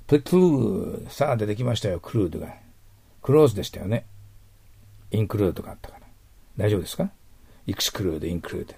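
A man whose first language is Japanese teaches English vocabulary in a recording, explaining roots step by step and quizzing listeners rhetorically. He's very animated and fast yet pauses often, his fairly low voice dark, gravelly and husky, with no echo.

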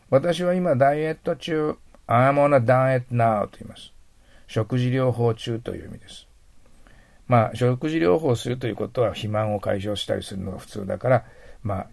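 A man's voice: medium pitch, gravelly, a little mellow. A middle-aged man teaching an English vocabulary lesson, patient and explanatory, often trailing into a near whisper at the ends of phrases.

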